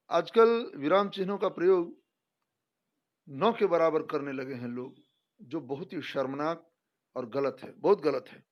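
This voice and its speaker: A middle-aged man teaching a grammar lesson, his voice sitting a little higher than most men's. He lectures emphatically, keeps asking the listener questions, and acts out the example sentences with feeling.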